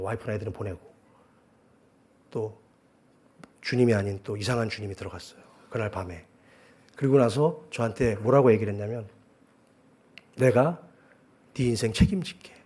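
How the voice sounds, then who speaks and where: A man preaching a sermon at a church service, telling personal stories in an earnest way, rising to loud emphasis and dropping to hushed asides. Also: lowish voice, slightly rough. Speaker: guest pastor.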